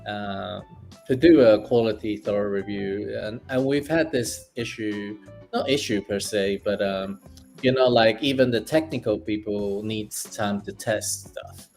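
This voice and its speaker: A man speaking as a panel guest in casual discussion, measured and agreeable. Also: lowish voice, vocal fry, darkish tone, faint music behind.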